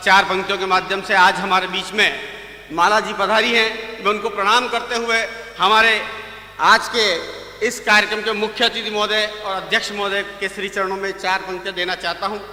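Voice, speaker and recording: A man telling comic anecdotes as a stage poet at a live poets' gathering, building his punchlines up to a shout. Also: high voice, flat delivery, normal speed. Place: outdoor fair stage. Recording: echoey hall from far off.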